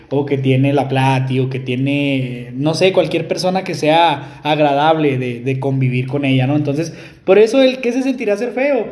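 A man's voice: on the high side, darkish tone, roomy sound. A man with a Mexican Spanish accent, co-hosting a casual podcast chat, teasing his co-host and speaking to listeners. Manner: teasing, joking, addresses listeners.

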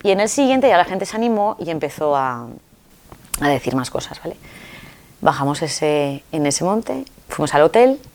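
A woman telling a personal story in an interview, expressive and acting out dialogue. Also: moderate pace. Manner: expressive, acts out dialogue with sudden pitch jumps. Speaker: interviewee sharing a personal testimony. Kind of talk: animated storytelling.

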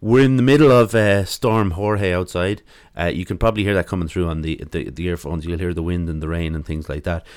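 A man's voice: low-pitched, fairly even intonation, brisk, few pauses, no echo. Irish man hosting, close dry sound. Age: late 30s. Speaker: podcast host. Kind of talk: casual interview.

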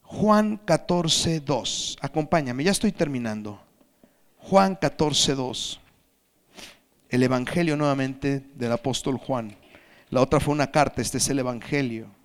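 A man preaching a sermon as pastor, asking the congregation questions and swinging from hushed whispers to shouted emphasis. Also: mid-range voice.

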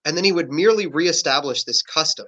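Bright-voiced man explaining earnestly. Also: on the high side, lively intonation, fast. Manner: earnest, explanatory, self-correcting. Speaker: podcast guest. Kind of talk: casual political discussion.

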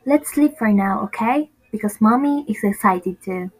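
Woman playing a devoted single mom, earnest, husky voice, amateur audio drama. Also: medium pitch, expressive, normal speed, low-quality recording. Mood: warm. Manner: earnest, emotional. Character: struggling single mother, devoted and determined.

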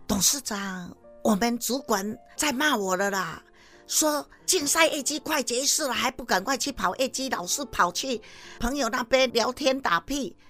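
A man's voice: very high-pitched, expressive, normal speed, sharp tone, soft background music, pitched above the performer's own voice, exaggerated voice. A woman voicing an eager male insurance salesman who whines and pleads in a raised voice. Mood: pleading.

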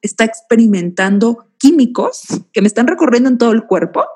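A woman's voice: a little high, lively intonation, brisk, warm tone, breathy edge. A woman, a guest explaining feelings in a reflective, teaching way and addressing the host by name. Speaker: guest speaker on emotions. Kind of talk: explanatory conversational talk.

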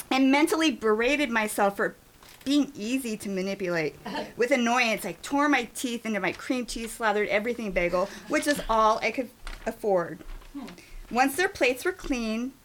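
Bright-voiced woman reading her memoir. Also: a little high, slight background noise. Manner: expressive, animated storytelling with dramatic emphasis. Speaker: workshop writer reading her story. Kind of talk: reading a personal memoir aloud. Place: writing workshop room.

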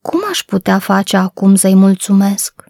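A woman voicing a cheerful, trusting young girl who chatters brightly and eagerly in a storybook reading. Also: mid-range voice, completely flat delivery, creaky, no echo, clean studio sound. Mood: earnest.

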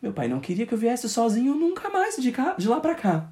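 A Brazilian man in his thirties tells a family story as a guest in a casual chat, rushing through it at speed. His pitch rises and falls widely, and he slips into voices for the people he quotes. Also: a crowd in the background. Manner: animated, jumps into quoted voices.

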